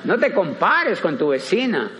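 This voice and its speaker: A man's voice: sits high, huge pitch swings, measured pace, a bit bright, a little hiss or hum. A man giving a motivational business talk, theatrical, acting out little dialogues and repeating phrases for emphasis. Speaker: motivational speaker.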